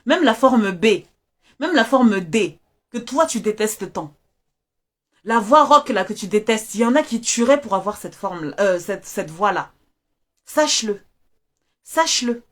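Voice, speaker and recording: A woman hosting a live stream as a self-confidence coach, talking in an animated, emphatic way, repeating phrases and asking viewers questions. She speaks through a mask. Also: medium pitch, unhurried, long pauses. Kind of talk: motivational live-stream talk. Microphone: wearing a mask while speaking.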